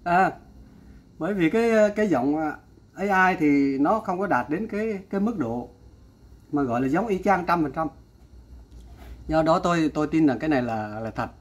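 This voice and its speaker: A man's voice: a little high, expressive, normal speed, pauses often. A man giving an exasperated commentary vlog, talking straight to his viewers and repeating exclamations of disbelief. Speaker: vlogger.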